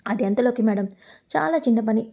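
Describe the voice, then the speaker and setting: A woman's voice: a little high, fairly quick, creaky, mellow. A woman voicing a cheeky hired man who teases his employer, in her own voice. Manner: cheeky, teasing.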